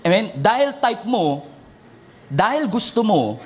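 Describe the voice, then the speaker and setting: High-voiced pastor preaching animatedly. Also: male voice, takes it slowly. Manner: animated, swings from shouting to low asides, joking. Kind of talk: preaching sermon in Tagalog-English mix.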